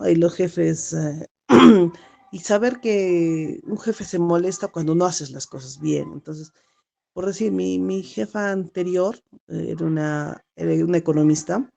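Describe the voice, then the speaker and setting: A woman's voice: on the low side, creaky, warm tone. A middle-aged woman teacher, talking to her class in a rambling way, full of fillers and restarts. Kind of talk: classroom talk.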